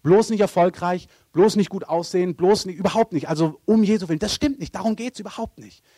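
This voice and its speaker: A man preaching with earnest, exhorting conviction. His voice sits a little high for a man. The sound is dry and close, with no room around it. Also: a little fast, mellow, no echo. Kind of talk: sermon.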